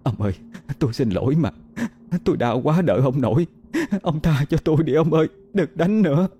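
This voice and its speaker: A frail, terrified wife pleads through tears in an audio story, voiced by a male narrator. The voice rises high and strained as she begs. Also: brisk, mellow, slight background noise, lightly acted. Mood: begging. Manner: tearful begging.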